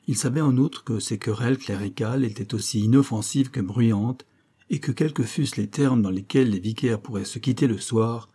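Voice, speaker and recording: A man reading a classic novel aloud as audiobook narration, in a measured, steady way. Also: mid-range voice, slightly rough. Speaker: audiobook reader.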